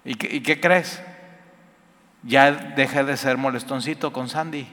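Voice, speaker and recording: A man's voice: mid-range voice, steady tone, measured pace, sharp tone, big-room sound. A man preaching a sermon in a conversational way, asking his listeners questions. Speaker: pastor.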